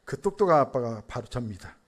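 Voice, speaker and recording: A man's voice: mid-range voice, sing-song, a little fast. A middle-aged man preaching a Sunday sermon. He asks the congregation questions, answers them himself, and tells stories about his family. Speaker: senior pastor.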